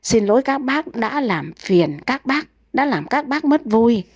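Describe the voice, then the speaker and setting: A woman's voice: a little high, very animated, measured pace, no room sound, pitched above the performer's own voice. A cranky elderly husband snaps back in exasperation, read by a woman. He is stubborn and short-tempered, a figure in a comic storybook. The sound is dry and close. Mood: stiffly polite. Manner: snapping, exasperated retorts.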